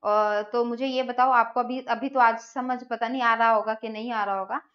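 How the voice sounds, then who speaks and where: A woman's voice: on the high side, fairly even intonation, normal speed, muffled recording. A woman teaching a live online Hindi grammar class, who asks questions and answers them herself.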